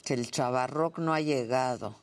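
A woman with a Mexican accent hosting a news show, trading relaxed, teasing banter in casual studio chat. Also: rumbling low, normal speed.

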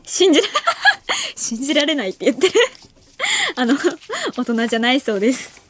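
Reading listener mail on her late-night radio show, this woman in her late teens chats casually and giggles frequently between comments. Her high-sitting voice swoops wildly in pitch at a normal speed, slightly bright, over a faint hiss or hum from the studio mic. The manner is playful and talkative, addressed directly to her audience.

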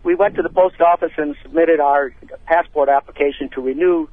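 A man's voice: a little high, fairly even intonation, brisk, no room sound. A man phoning in to a radio show from his car, asking careful, plain questions over a clipped phone line. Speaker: caller. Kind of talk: call-in radio chat.

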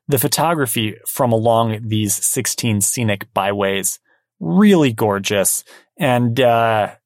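Gravelly-voiced man co-hosting a podcast. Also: mid-range voice, no room sound, studio quality. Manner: relaxed, wry, hesitant with restarts. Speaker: podcast co-host. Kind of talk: casual chat.

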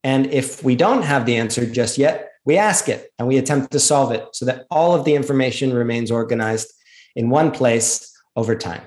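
A man's voice: medium pitch, normal speed, a little mellow. A man speaking conversationally as a guest on a podcast interview. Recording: roomy, echoing sound.

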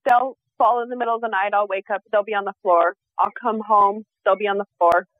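A woman's voice: mid-range voice, steady tone, fairly quick, no echo. A woman calling in to a radio show over a phone line, speaking hesitantly with frequent ums. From USA. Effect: heard over a phone line.

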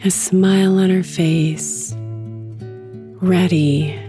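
Slow, soft woman guiding a meditation. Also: lowish voice, fairly even intonation, faint music behind. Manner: soft, soothing, with long pauses. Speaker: guided meditation host. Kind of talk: guided meditation narration.

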